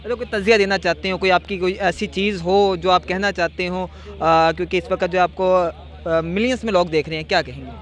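A young man runs quick interviews out on a stadium ground at night, pushing a handheld mic toward each guest. His voice sits high and his questions tumble out fast. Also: steady tone, fairly bright tone. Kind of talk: field interview. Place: outdoor cricket stadium at night.

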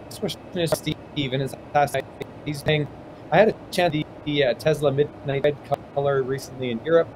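A man reading audience questions over a remote call, his audio glitchy and breaking up, with halting, fragmented delivery. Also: on the high side, fairly even intonation. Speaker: question reader. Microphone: remote video call. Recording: noisy, distant, breaking-up call line.

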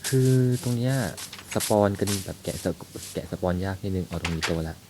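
A young man talks his way through a building game, musing aloud as he goes. His voice sits very low. A loud layer of noise runs under the recording. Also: flat delivery, fairly quick. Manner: chatty, thinks aloud while playing. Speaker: gaming YouTuber. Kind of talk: casual game commentary.

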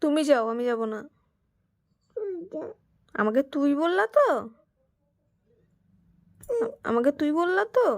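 A woman's voice: sits high, big pitch swings, slow, long pauses. A woman chatting at home at night, coaxing and scolding a pet in a casual way. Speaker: pet owner.

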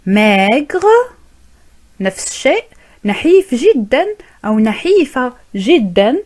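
A woman teaching a French lesson, saying each word slowly and repeating it several times for learners. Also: a little high, sing-song, darkish tone. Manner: drills each word with careful, drawn-out repetition. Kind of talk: slow, repetitive language lesson.

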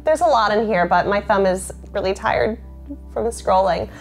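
A woman's voice: mid-range voice, normal speed, gravelly, faint music behind. Chatty woman in her late twenties. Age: late 20s. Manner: chatty, lots of "like" fillers, bubbly. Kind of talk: casual chat to camera.

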